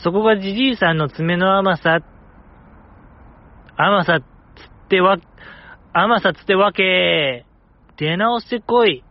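A man's voice: high voice, no room sound, highs cut off. A man putting on a drawling teenage gal. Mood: teasing. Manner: slow drawling gal-style reading. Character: teenage gal schoolgirl writing in, cheeky.

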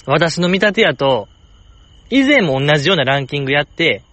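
A man with a Kansai accent chatting alone in a rambling, jokey way, jumping up in pitch to stress a point. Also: lively intonation, moderate pace, a bit bright, no echo. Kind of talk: casual solo chat.

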